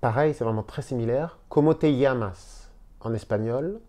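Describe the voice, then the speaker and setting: A mellow, mid-range male voice belongs to a Spanish teacher giving an informal video lesson in a hotel room. He takes his time, repeating words as he explains.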